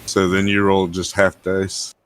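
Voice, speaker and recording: Very deep, slow-talking male player. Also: monotone. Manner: hesitant, with frequent ums and easy laughs. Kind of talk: casual tabletop game play.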